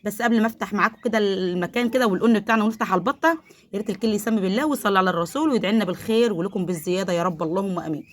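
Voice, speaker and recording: A woman's voice: mid-range voice, racing. A woman with an Egyptian accent, vlogging casually from her poultry coop, chatty and devout, full of blessings. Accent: Egyptian Arabic. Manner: nervous, laughing while handling a biting duck. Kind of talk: casual vlog, talking to viewers. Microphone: phone held while filming.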